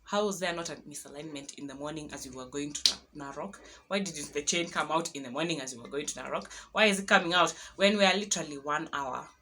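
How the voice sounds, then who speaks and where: A young Kenyan woman with a Kenyan accent, casually retelling a road trip story to camera, animated and dramatic. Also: low-pitched, quick pace, few pauses, background noise. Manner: animated retelling with laughs and dramatic whispered asides. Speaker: vlogger.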